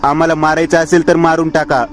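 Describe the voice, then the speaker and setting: A man's voice: fairly high pitch, little pitch movement, fairly quick, a little mellow, soft background music, voice pushed up, close to an everyday voice. A man voicing a defiant, hot-tempered young man in a storybook horror tale, raising his voice in anger. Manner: pleading and angry outbursts.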